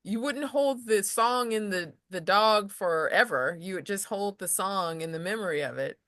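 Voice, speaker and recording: A woman's voice: fairly low pitch, a bit bright, no room sound, studio quality. A woman casually explaining lesson material as a tutor, rambling a little with restarts and slipping into example voices.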